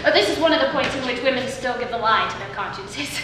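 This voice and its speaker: A woman's voice: a little high, fast talker, fairly bright tone, lightly acted. A woman on stage playing a witty, teasing young heroine disguised as a youth, declaiming playfully in Shakespearean style. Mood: teasing, animated. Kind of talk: live Shakespeare stage acting. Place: stage performance, recorded from afar. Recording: distant, echoey stage recording with faint noise.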